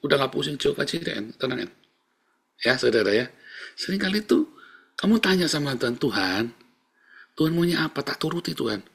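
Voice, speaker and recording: A middle-aged man preaches a sermon in a gravelly, bright voice with a husky edge. He talks emphatically and keeps calling out to his congregation. His delivery swings from soft murmurs to loud exclaiming. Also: mid-range voice. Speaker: pastor.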